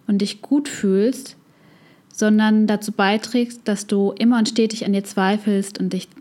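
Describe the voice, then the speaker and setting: Calm woman hosting a self-help podcast. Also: mid-range voice. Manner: calm, speaks directly to the listener. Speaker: podcast host and psychologist.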